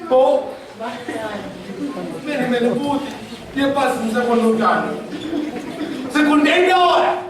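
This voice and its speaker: A lead actor in an amateur stage comedy, with a Sicilian accent and loud, exasperated comic banter. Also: high voice, lively intonation, takes it slowly, pauses often, crowd noise. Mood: mocking. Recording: echoey hall, taped from far off. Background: laughing audience in a large hall.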